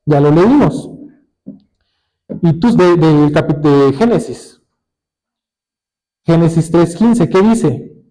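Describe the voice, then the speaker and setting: High-voiced preacher quizzing his church. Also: animated, dark tone, rough recording. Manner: asks the congregation questions and waits for answers; reads scripture aloud slowly, drawing words out. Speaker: pastor. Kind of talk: sermon.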